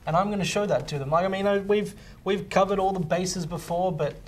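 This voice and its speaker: A man's voice: sits high, fairly quick, slight background noise, lightly acted. A man playing a pompous, self-important film director who hesitates his way through boasts as a guest on a parody talk show. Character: smug, self-important male film director, deluded about his genius.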